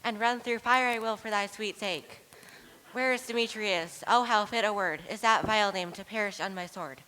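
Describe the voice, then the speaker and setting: A woman's voice: mid-range voice, normal speed, bright, forceful tone, close to an everyday voice. A woman playing an ardent young nobleman who speaks in impassioned verse. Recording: echoey hall.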